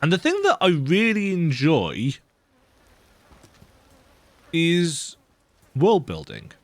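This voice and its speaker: Slightly high and slow, this man's voice swoops wildly in pitch, with no room sound. He's a gaming video host who's a little sick with a cold, chatting casually and making fun of himself as he plays a horror game at home in the dark.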